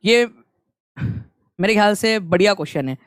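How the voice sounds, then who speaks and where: A man's voice: high-pitched, expressive, moderate pace, smooth, dry recording, studio quality. A young man teaching an online exam-prep lecture in a conversational way, repeating key points and mixing in English phrases.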